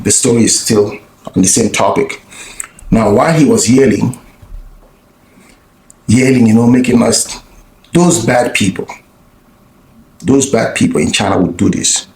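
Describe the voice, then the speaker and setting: Gravelly man telling a blunt story. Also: medium pitch, a little mellow, reverberant, low-quality recording. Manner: blunt and profane, many restarts. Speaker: vlogger. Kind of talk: casual storytelling monologue.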